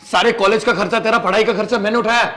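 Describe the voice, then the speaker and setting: A man's voice: high voice, steady tone, fast talker, faint music behind. A man playing an angry, arrogant elder brother. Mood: angry scolding. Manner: harsh, scolding, shouting. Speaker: elder brother in a family skit. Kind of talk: scripted family drama skit.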